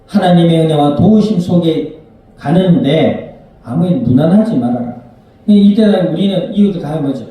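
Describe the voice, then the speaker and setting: A male pastor with a somewhat high, dark and mellow voice delivers a conversational sermon. He quizzes the congregation and acts out small scenes in the middle of his preaching. He sounds a little distant from the mic in a strongly echoing church sanctuary. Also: animated, moderate pace.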